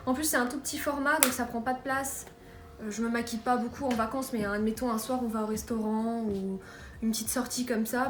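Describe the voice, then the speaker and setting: A young woman from France showing off a beauty haul in a casual vlog, chatty with lots of fillers and restarts. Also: a little high. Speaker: beauty vlogger. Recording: echoey room with background noise.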